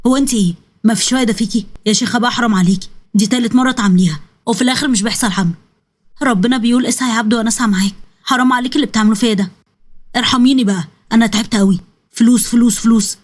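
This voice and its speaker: A woman with an Egyptian accent voicing a worn-out husband who shouts his complaints in a lowered voice. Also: very fast. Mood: furious. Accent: Egyptian Arabic. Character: fed-up husband, middle-aged, angry and worn out.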